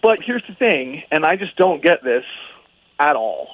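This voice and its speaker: A man's voice: on the high side, sing-song, unhurried, dry recording. Guy calling in on speakerphone, tinny phone sound, lots of you know and like. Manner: hesitant, full of "you know" and "like" fillers. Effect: heard over a phone line on speakerphone. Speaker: radio show call recipient. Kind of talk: casual phone chat.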